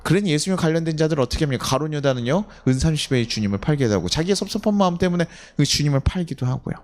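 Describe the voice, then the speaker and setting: A man's voice: on the high side, animated, very fast, a little mellow. A male pastor preaching a sermon in a church, telling a story and often asking the congregation questions, sometimes acting out the voices in it. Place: church sanctuary.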